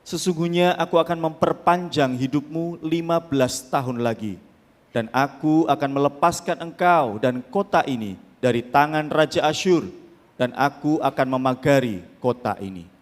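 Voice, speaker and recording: A man's voice: fairly high pitch, moderate pace. A man reads a scripture passage aloud in a somewhat raised voice. He sounds set back from the microphone, and the church hall gives his reading a long reverb. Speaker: scripture reader. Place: church sanctuary.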